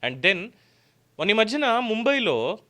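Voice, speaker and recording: A man's voice: high-pitched, very animated, measured pace, bright, forceful tone. A man hosting a news channel, giving argumentative, sarcastic commentary with many fillers, in a Telugu accent. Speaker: host.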